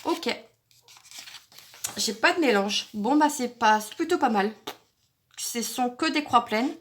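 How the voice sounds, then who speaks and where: A woman's voice: a little high, lively intonation, slow pace, a bit bright, a little hiss or hum. A woman vlogger chatting casually through an unboxing, thinking aloud with frequent hesitations and fillers. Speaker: crafting vlogger.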